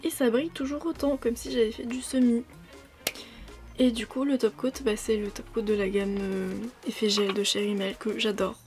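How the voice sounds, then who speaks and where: A woman talks casually to her viewers in a fairly high voice, wandering from point to point with plenty of fillers. She speaks into a proper microphone, with faint music playing quietly underneath. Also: steady tone, normal speed. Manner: chatty, rambling, with frequent fillers. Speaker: beauty vlogger. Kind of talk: casual chat to camera. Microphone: new proper microphone.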